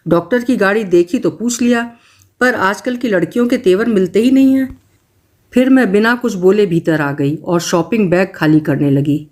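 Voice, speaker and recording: A woman reading a short story aloud, in a measured, expressive way. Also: fairly low pitch.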